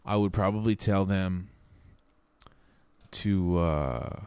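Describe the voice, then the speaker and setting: A man's voice: low-pitched, slow pace, a little mellow, clear, resonant tone, no echo. A man in his early thirties in casual chat, rambling wryly, restarting sentences and swearing now and then. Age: 30s. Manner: rambling, self-correcting, wry and profane.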